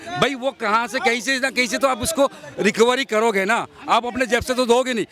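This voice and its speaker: A man's voice: very high voice, fairly quick, crowd noise. A man in his fifties from Assam, arguing his views insistently in a street interview outdoors. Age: 50s. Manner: argumentative, insistent, lecturing.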